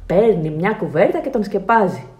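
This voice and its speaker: Expressive woman reading a children's story. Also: medium pitch. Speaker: children's book reader and translator. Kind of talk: reading a children's picture book aloud.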